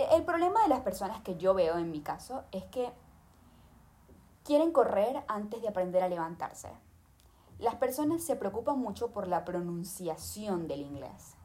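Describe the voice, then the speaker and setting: A woman's voice: medium pitch, a little mellow. A woman talking casually and emphatically, giving listeners tips and speaking to them directly. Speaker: language tips presenter. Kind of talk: casual advice monologue.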